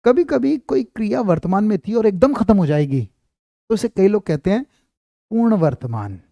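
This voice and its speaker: A man teaching Hindi grammar in an online class, slowly repeating example sentences and speaking into a clip-on mic. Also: high-pitched, very animated, vocal fry, dark tone, no room sound, clean studio sound.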